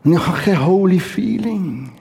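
Swiss guy preaching slow, mellow voice, tells the story, reads bible bits quiet. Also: high-pitched, lively intonation, vocal fry, a little hiss or hum. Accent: Swiss German. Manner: vivid storytelling, switching to a quiet, slow reading of scripture. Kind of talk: sermon.

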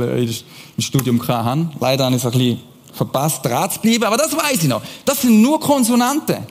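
Man, sermon, conversational, fairly high voice, long hall echo. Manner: lively, conversational, asks the listeners questions. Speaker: preacher.

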